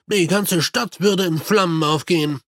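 A harried army major, as a male narrator puts him on in an audiobook, tired and exasperated, firing off terse questions. His voice sits fairly high for a man. It sounds close and dry. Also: unhurried, fairly bright tone, dry recording.

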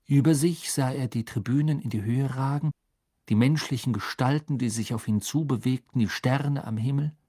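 A man narrating an audiobook in a measured storytelling manner. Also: mid-range voice, warm tone, breathy edge, no room sound, clean studio sound. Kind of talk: scripted narration.

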